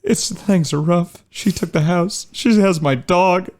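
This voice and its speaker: A man's voice: high-pitched, measured pace, darkish tone, pitched above the performer's own voice. A man voicing a self-pitying mobster boss who moans that his divorce leaves him no time for business. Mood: whiny. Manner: self-pitying, put-upon whine.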